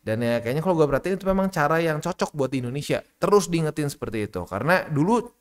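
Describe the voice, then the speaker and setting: Brief: male crypto host, casual monologue, blunt and teasing, voice pitched a bit high, pops up into shrill mock scolding. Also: expressive, fast.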